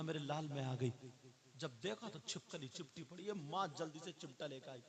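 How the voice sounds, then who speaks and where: A male preacher telling a moral story in a sermon, acting out the characters' lines and building to loud pleading cries. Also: a little high.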